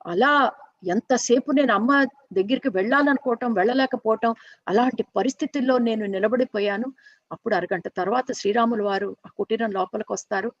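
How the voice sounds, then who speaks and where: Woman storyteller, slightly high pitch, earnest and halting with frequent restarts. Dull, dry lo-fi recording. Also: no echo. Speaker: storyteller and workshop teacher. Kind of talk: unscripted spoken storytelling.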